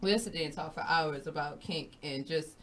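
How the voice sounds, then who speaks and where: A woman's voice: sits low, moderate pace, a bit bright. A woman hosting a radio talk show, chatting frankly and swearing casually.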